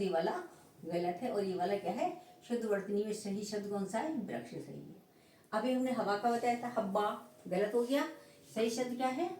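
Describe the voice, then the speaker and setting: A woman's voice: a little high, mellow, a little hiss or hum. A woman teacher giving a grammar lesson, explaining patiently and often checking in with her students. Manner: explanatory, repeats "ठीक है" to check understanding. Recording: echoey room, voice from a distance.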